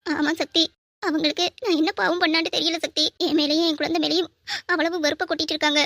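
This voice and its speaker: A woman voicing a young widowed mother in a drama, devoted to her late husband and her daughter. Her voice is high and her words come quickly and tearfully. The recording is dry and close. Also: fairly even intonation, a bit bright, dry recording. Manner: tearful, pleading. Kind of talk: audio drama acting.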